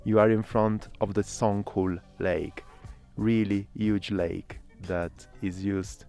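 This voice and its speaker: A man with a low voice hosts a race podcast, narrating in an enthusiastic way with loose phrasing. Faint music plays behind him. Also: fairly even intonation, slow pace, creaky, mellow. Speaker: podcast host. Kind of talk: roadside interviews and narration.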